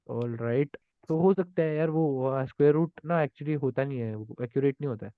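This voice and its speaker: A man's voice: mid-range voice, normal speed, no echo. A man walks through programming contest solutions, thinking aloud with many fillers and restarts. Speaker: programming tutor. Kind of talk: explaining contest solutions live. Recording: dry, phone-like narrow sound.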